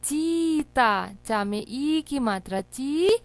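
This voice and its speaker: A woman's voice: a little high, big pitch swings, slow, dry recording. A woman teaching young children in an online class, mixing English and Hindi and drawing out key words in a sing-song way.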